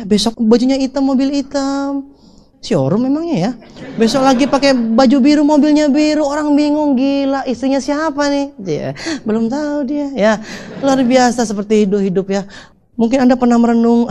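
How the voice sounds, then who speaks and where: A man giving an animated motivational seminar talk, joking with the audience and acting out little dialogues in changing voices. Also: high voice. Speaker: motivational speaker.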